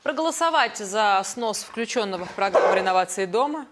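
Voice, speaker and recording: A woman news anchor reading the news in a TV studio, with brisk, amused asides. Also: mid-range voice, expressive, heavy background noise.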